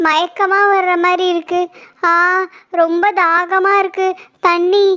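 A woman voicing a weak, hungry old grandmother begging for help in a doll-play story, in a faint, pleading, drawn-out way. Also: very high-pitched, little pitch movement, pushed and bright, dull audio, full character voice.

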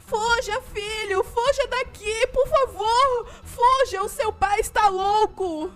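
A woman's voice: very high-pitched, takes it slowly, a bit bright, soft background music, voice pushed up, heavily acted. A woman voicing a dinosaur mother who pleads tearfully to protect her baby. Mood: pleading.

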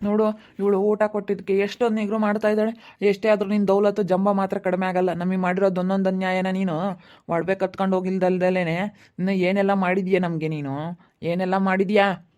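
A woman's voice: medium pitch, brisk, natural voice. A woman with a Chitradurga Kannada accent playing a bitter captor who scolds and taunts her prisoner. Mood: scolding. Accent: Kannada, Chitradurga region. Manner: scolding, taunting, flat threats. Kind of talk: amateur village drama.

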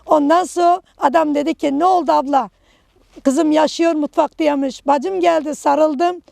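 Middle-aged woman, very gravelly, dry close sound, halting personal testimony. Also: high voice, steady tone, mellow, no echo. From Kahramanmaraş, Turkey. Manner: halting, tells events in short broken phrases. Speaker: earthquake survivor interviewee.

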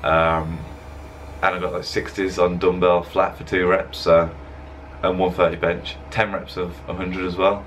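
A young adult fitness vlogger records a rambling, casual voice-over for gym footage, speaking to his desk webcam in an indoor room. His deep voice has a level tone, a measured pace, and a slightly bright quality. Slight background noise can be heard.

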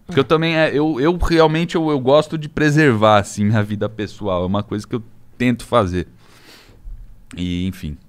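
A young Brazilian man with a Brazilian Portuguese accent, a podcast guest talking casually and haltingly with many restarts. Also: medium pitch, fairly even intonation, smooth. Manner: hesitant, many restarts and fillers. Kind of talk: casual interview talk.

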